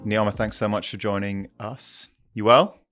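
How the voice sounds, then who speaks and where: A man's voice: fairly low pitch, fairly even intonation, normal speed, a bit bright, soft background music. A man hosting a business podcast, talking in a friendly, conversational way and summing up his guest's answers. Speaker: podcast host. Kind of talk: casual interview chat.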